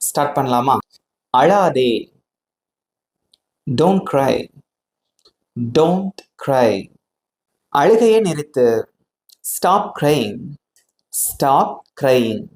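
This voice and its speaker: A man teaching spoken English, saying each sentence twice in a slow, deliberate way. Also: mid-range voice, darkish tone, echoey room, slight background noise. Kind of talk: language lesson, repeating sentences slowly.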